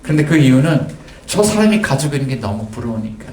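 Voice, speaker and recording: Male pastor, sermon, lively storytelling, mid-pitched voice, echoey church room. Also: quick pace, a little hiss or hum. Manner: storytelling, acting out quoted lines with sudden raised pitch. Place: church sanctuary.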